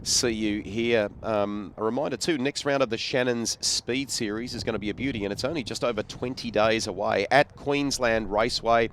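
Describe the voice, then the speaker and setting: A low-pitched man calls a motorsport broadcast. He talks in a relaxed, chatty way, with a little background hum behind him. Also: normal speed, few pauses. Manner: relaxed, chatty wrap-up with fillers. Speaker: race commentator. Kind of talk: live race broadcast commentary.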